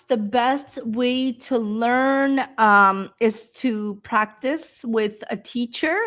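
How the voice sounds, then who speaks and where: A woman from Canada who teaches English, giving a live-stream speaking lesson with slow, patient explanations and frequent ums and uhs. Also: a little high, a bit bright.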